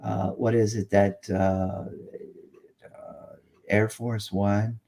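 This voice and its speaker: A man in his late fifties with a very deep voice talks in casual, rambling chat. He swears freely as he goes. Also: flat delivery, extremely slow, gravelly, mellow. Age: late 50s. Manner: rambling, profane.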